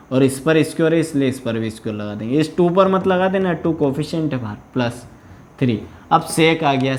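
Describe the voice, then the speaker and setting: A man's voice: on the high side, a little mellow. A man from India teaching maths in a video lesson, working through problems step by step and often checking that students follow. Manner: patient, repeats "है ना" to check understanding.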